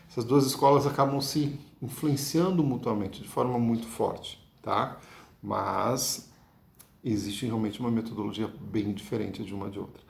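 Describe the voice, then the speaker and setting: Patient and reassuring, a Brazilian-accented man walks the listener through reading cards, frequently ending remarks with tag questions. His voice sits in the middle range with some gravel to it. The recording has a roomy, echoing quality.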